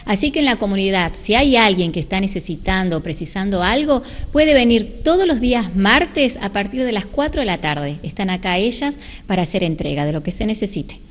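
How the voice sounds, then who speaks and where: Brisk, expressive, and barely pausing, a woman in her forties with a mid-range voice gives a local TV interview in a church hall, with soft background music playing. A church volunteer speaking into a handheld reporter mic, she earnestly invites people in and slips into preaching.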